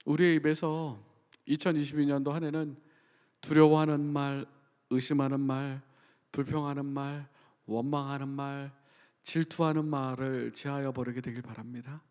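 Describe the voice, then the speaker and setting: Korean pastor preaching in an echoing church. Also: male voice, medium pitch, flat delivery, darkish tone, lo-fi sound. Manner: earnest preaching, reading scripture aloud with emphatic pauses. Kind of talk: sermon. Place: church sanctuary.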